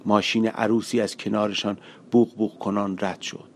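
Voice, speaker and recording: A man narrating a short story for an audiobook in a measured, colloquial storytelling manner. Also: fairly low pitch, little pitch movement, a little hiss or hum.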